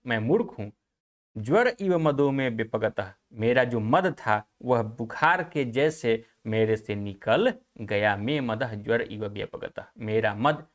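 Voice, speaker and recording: A man's voice: mid-range voice, a bit bright. Man teaching Sanskrit verses, Hindi accent. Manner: chants Sanskrit verses slowly, then explains quickly in Hindi. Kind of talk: exam-prep lecture explaining verses.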